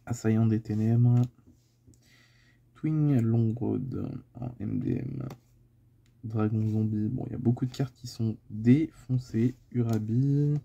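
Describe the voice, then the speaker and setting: A man with a French accent calmly reads card names aloud as he sorts a collection. His voice is very dark and mellow, and he takes an unhurried pace. The recording sounds a little dull and lo-fi. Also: mid-range voice. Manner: reels off card names one after another. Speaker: card collector listing cards. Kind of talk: casual card-sorting vlog.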